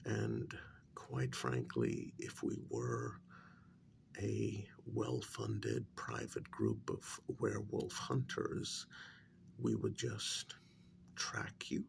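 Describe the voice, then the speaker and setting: Pushing his voice down into a rumbling low register, a man performs a full character voice as a calm government agent grilling a captured werewolf. The soft-spoken ASMR role-play is breathy, often nearly whispered, measured and quietly coaxing, with slight background noise.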